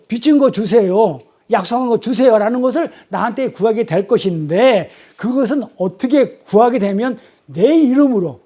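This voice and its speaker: A man's voice: high-pitched, dark tone. A man teaching a Bible study sermon, questioning his class and repeating key phrases.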